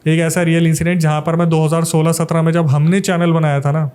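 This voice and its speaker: A man's voice: a little high, flat delivery, quick pace, a little mellow, smooth. A young man from Delhi, a paranormal investigator, telling a suspenseful ghost story in a casual podcast interview.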